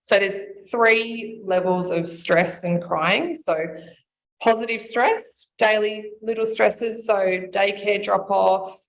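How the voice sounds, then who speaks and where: A woman with a mid-range voice, fairly even intonation, and vocal fry talks slowly about child sleep. As a sleep and nutrition consultant in a casual interview, she explains her points step by step in list form. The recording sounds slightly dull, with faint noise.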